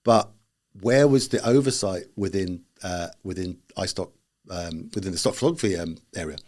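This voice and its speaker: A man's voice: low-pitched, normal speed, a little mellow. A man from Britain co-hosting a tech podcast, chatting casually and rambling through fillers and restarts. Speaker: podcast co-host. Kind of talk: casual chat.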